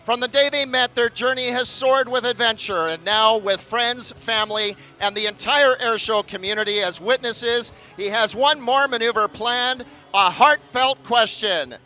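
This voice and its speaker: A man's voice: very high voice, normal speed, few pauses, bright, forceful tone, soft background music, low-quality recording. A man giving live airshow commentary in a showman's announcer manner, drawing out phrases for the crowd.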